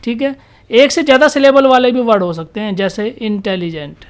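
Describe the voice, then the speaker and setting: Here a woman runs an exam-prep vocabulary class, asking things and supplying the answers herself while repeating key terms. She reads the English definitions slowly, in a slightly high voice with fairly even intonation.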